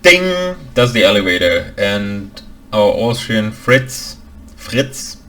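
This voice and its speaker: Man from germany, language expert, dry opinionated commentary, lowish voice, deadpan asides. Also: slow, low-quality recording. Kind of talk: reaction video commentary.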